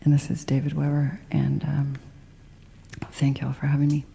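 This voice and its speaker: A woman singer-songwriter quietly thanking her band and hosts in a hushed, half-whispered voice after a song. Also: low-pitched, monotone, moderate pace, gravelly, big-room sound, a little hiss or hum. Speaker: singer-songwriter performing from home. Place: at home.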